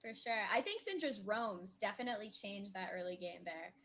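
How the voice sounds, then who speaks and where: A woman's voice: mid-range voice, lively intonation, moderate pace, a bit bright. A woman giving color commentary on a live esports match over a headset, chatty and full of fillers. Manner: hesitant, many fillers, chatty. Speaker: esports co-caster.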